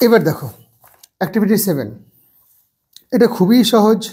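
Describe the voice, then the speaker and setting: A man teaching English grammar to children, slowly repeating phrases and spelling words out letter by letter. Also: high voice, expressive, a little mellow, breathy edge. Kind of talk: bilingual grammar lesson.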